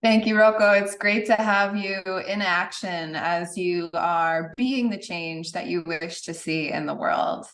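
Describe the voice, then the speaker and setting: A woman's voice: fairly low pitch, fairly bright tone. A woman from the United States moderating an online panel over a video call, welcoming each speaker. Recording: roomy, distant from mic.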